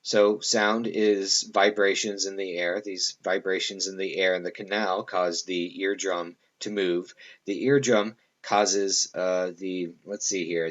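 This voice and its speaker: A man lecturing a class in a relaxed, rambling way, stopping for fillers and quick asides to the room. His voice sits a little low. The recording is dull and lo-fi. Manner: loose, conversational, many fillers and asides to students.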